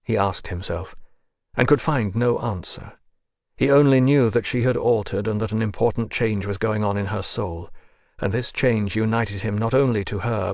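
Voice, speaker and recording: A man narrating an audiobook of a classic novel in a measured, even manner, gently lifting his voice for the characters. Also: on the low side, dry recording, studio quality.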